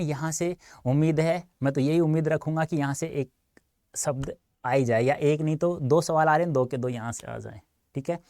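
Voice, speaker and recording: A man's voice: mid-range voice, warm tone, no room sound, clean studio sound. A male teacher giving an online exam-prep lesson, explaining step by step and calling his students dear children. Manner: explains step by step, asks and answers his own questions.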